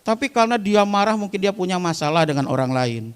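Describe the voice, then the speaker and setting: A man's voice: sits high, expressive, quick pace, clear, resonant tone, long reverb tail. A man, giving a humorous religious talk to a live congregation and telling stories while addressing the listeners directly. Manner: chatty storytelling, often addressing the listeners directly. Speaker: Islamic preacher. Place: weekly study gathering before a live audience.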